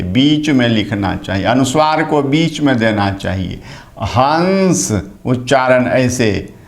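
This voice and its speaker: A man teaching a Sanskrit grammar lesson in an online class, explaining slowly and repeating key terms. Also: mid-range voice, roomy sound. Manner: slow, deliberate explaining with repetition. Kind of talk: online lecture.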